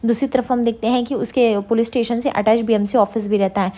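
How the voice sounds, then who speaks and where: Fast-talking woman retelling a serial. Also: a little high, fairly even intonation, dark tone. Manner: retells scenes with quoted dialogue. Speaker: serial recap narrator. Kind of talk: casual plot retelling.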